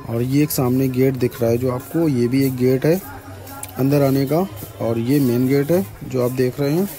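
Young vlogger, Farrukhabad Hindi accent, mellow voice, handheld phone, faint music behind. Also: male voice, mid-range voice, moderate pace. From India. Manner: chatty, points things out to viewers. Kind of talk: casual walking tour vlog. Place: crowded decorated shrine courtyard at night. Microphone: handheld phone camera.

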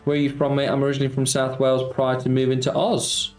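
Chatty streamer, echoey room. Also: male voice, medium pitch, completely flat delivery, quick pace, darkish tone. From Nottingham, England. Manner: chatty, reads viewer messages aloud and greets them, cheeky banter. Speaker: slots streamer. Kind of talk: casual live-stream chat. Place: home streaming room, indoors. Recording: echoey room, faint background music.

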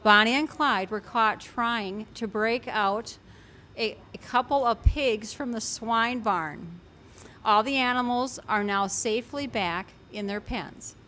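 An older woman reading a mock newscast slowly and carefully at a news desk. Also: on the high side, pushed and bright, a little hiss or hum. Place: fair news desk set. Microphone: desk mic.

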